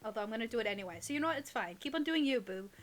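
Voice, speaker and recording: Rapid-fire and animated, a woman with a slightly high voice joins a co-host for a relaxed reading of online horror stories, chatting and teasing in playful banter. She hosts and reads the stories herself.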